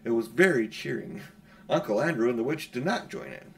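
A middle-aged man narrates a children's storybook as an audiobook reader, speaking from a small furnished room at home. His medium-pitched voice is animated and a bit creaky, and he reads a little fast.

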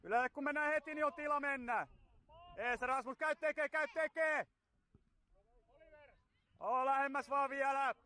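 A man coaching a youth football team from the sideline outdoors, loudly calling encouragement and instructions to his players. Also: extremely high pitch, steady tone. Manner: loud, rapid encouragement and instructions.

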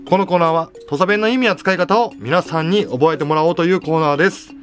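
A man's voice: on the high side, quick pace, fairly bright tone. A young man hosting a radio show, talking chattily with a Tosa accent. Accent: Tosa dialect of Kochi. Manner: chatty, amused. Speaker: radio host. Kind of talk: casual radio talk. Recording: faint music underneath.

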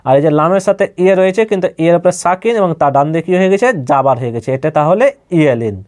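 A man teaching Quran reading, spelling out each letter slowly, then saying the word and repeating it, and asking listeners quick questions that he answers himself. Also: on the high side, darkish tone. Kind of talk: slow spelled-out recitation lesson.

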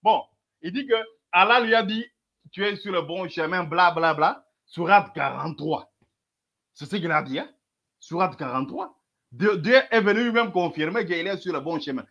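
Speaking at a moderate pace in a high, slightly bright voice, a man ridicules a religious debate as clips of it replay. Again and again he presses his listeners to follow along.

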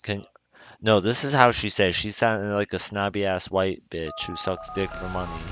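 A young man chats loosely over his gameplay. He swears a lot and drifts from thought to thought in street slang. His voice sits a bit low, with faint background noise. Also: fairly even intonation, moderate pace. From New York. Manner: slangy, profane, rambling. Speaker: let's play gamer. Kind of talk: casual gameplay commentary. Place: at home.

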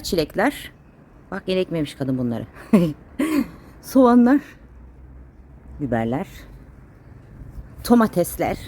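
A Turkish woman with a lowish, mellow voice chats casually while she cleans and gardens, talking to her viewers, her pets and her plants around her home and garden. There's slight background noise.

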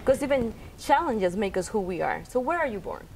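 A woman's voice: fairly high pitch, big pitch swings, brisk, gravelly, a little mellow. Middle-aged female host, curious and chatty, studio lapel mic, faint background hiss. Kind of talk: interview chat. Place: TV studio set.

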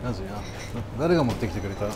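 Fast-talking Japanese restaurant chef, a man. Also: fairly low pitch, lively intonation. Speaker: sushi chef and restaurant owner. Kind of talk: casual polite talk with customers and staff at work. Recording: clear kitchen and restaurant background noise.

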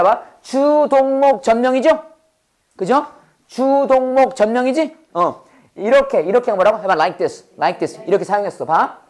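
A teacher giving a classroom lecture in Bible English, switching between Korean and English. The delivery is playful, full of puns and quick questions to the class, with key words repeated for students to echo back. The voice sits at a middle pitch. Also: darkish tone. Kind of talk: classroom lecture with call-and-response drills.

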